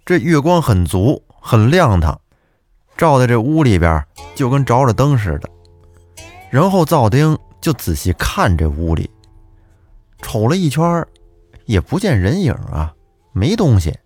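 A man, narrating a folk tale in a lively, animated way as the show's storyteller. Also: mid-range voice. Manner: lively, animated, acts out the characters' voices. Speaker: storyteller host.

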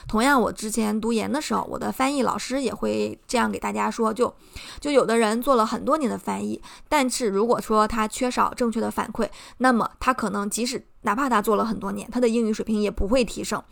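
Brisk and pitched on the high side, with noticeable vocal fry, a young podcast host from China delivers casual advice. She is earnest and encouraging, guiding listeners through each step.

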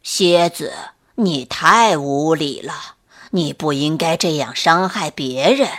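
A woman voicing a wise, patient old male turtle in a children's bedtime story, speaking calmly and gently scolding. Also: deep voice, slow, pitched below the performer's own voice, full character voice. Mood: reproving. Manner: calm, patient, reproving.

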